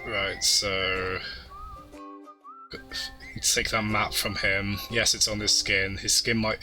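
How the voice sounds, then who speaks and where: A man's voice: fairly low pitch, level tone, slow pace, low-quality recording. A man in his thirties giving casual video game commentary, hesitant and thinking aloud as he plays. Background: game music.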